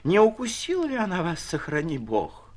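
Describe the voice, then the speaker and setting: A man's voice: big pitch swings, moderate pace, gravelly, fairly bright tone, breathy edge, exaggerated voice. A man voicing a timid, fluttering female hanger-on who stammers and calls out eagerly. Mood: flustered. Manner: flustered, eager, shrill when calling out.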